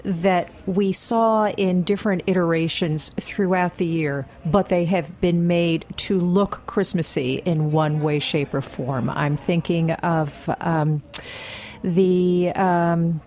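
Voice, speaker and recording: A woman with a fairly low voice speaks as a studio guest, explaining things in full, lecture-like sentences. A faint hiss sits under her voice. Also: slow, darkish tone. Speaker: food historian guest. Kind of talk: casual studio conversation. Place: radio studio.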